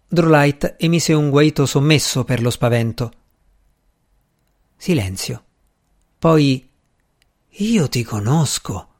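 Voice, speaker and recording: A man giving a measured, dramatic scripted narration of an audiobook. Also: medium pitch.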